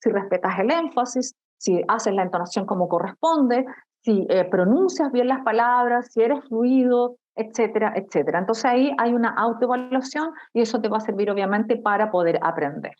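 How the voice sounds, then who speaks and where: Chilean woman teacher, middle-aged, bright higher voice, muffled lo-fi audio, talks straight to students. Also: expressive, normal speed. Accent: Chilean Spanish. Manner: explanatory, addresses students directly with frequent checks. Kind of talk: study-skills lesson. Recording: dull lo-fi recording.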